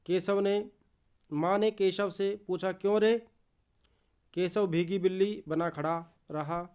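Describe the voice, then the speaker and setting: A man's voice: sits high, fairly even intonation, unhurried, a little mellow, smooth. A man teaching a lesson, reading a story aloud and explaining it, often repeating key words as questions for the students. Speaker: Hindi teacher.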